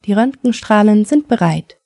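A businesslike male radiologist, read by a woman who gives instructions in a matter-of-fact way. The voice is mellow and dry. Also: mid-range voice, expressive, normal speed, no echo.

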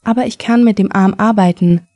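A woman reading the lines of an adult male patient with an injured arm in a plain, even voice. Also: sits high, a little fast, dry recording, natural voice.

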